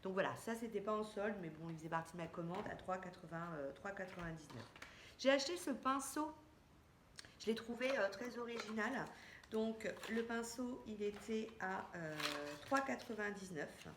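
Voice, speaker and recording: A woman chatting casually to her viewers in a friendly beauty vlog about a makeup haul. Her voice sits at a mid pitch and rings around an echoey room at home. A faint hiss runs underneath. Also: moderate pace.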